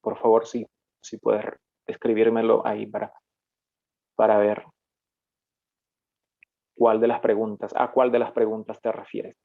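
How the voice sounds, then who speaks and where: A man's voice: on the low side, completely flat delivery, measured pace, vocal fry, pauses often, narrow, tinny audio. A Paraguayan man teaching a live online language lesson. He explains step by step, with many fillers and self-corrections.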